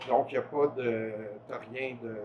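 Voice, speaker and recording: A man's voice: medium pitch, steady tone, normal speed, lo-fi sound. A man hosting an interview, casual and conversational, steering with short questions. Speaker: interviewer, host. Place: production kitchen.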